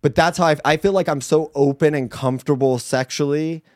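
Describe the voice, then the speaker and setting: A young man co-hosting a casual podcast chat, animated and laughing often, swearing casually. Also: fairly high pitch, a little fast, dry recording, studio quality. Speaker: podcast co-host.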